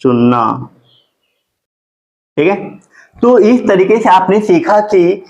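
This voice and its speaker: A man teaching a classroom grammar lesson. He asks his students questions and answers them himself, and he spells words out slowly. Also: high voice, big pitch swings, darkish tone. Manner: drawn-out slow spelling of words. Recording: dull lo-fi classroom recording.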